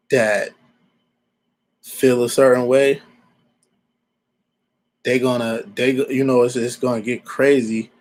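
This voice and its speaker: A man's voice: medium pitch, poor audio. A man in his forties from Alabama giving casual, rambling opinions as a podcast host, repeating himself and using informal slang. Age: 40s.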